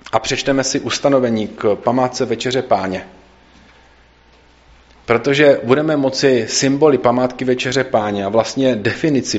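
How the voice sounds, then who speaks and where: Earnest male preacher, dull recording. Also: mid-range voice. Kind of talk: sermon and scripture reading. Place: church service.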